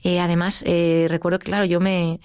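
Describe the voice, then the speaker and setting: A middle-aged woman with a Spanish accent, telling her personal story as an interview guest, emotional and quick. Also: on the low side, level tone, darkish tone, clear, resonant tone, no echo. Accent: Spain. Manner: fast, emotional storytelling with acted quotes. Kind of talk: personal testimony in conversation.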